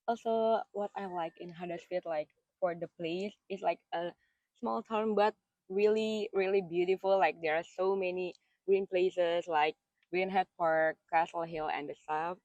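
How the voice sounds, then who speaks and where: A woman's voice: lowish voice, darkish tone, no room sound, dull audio. A woman in her twenties with an Indonesian accent, a master's student answering interview questions chattily with many likes. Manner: chatty, frequent likes, non-native grammar.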